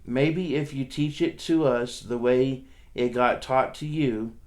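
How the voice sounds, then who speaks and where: A man reading a story aloud, voicing a big, friendly young man who speaks in a calm, encouraging way. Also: mid-range voice, slow, close to an everyday voice.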